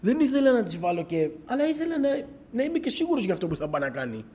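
A middle-aged man giving a personal testimony to a church gathering, telling his story as an animated storyteller who keeps quoting dialogue. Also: sits high.

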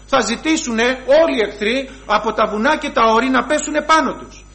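Priest man giving a sermon, deep voice but pitched high when he gets going, slow and emphatic, lots of questions. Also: fairly bright tone, rough recording.

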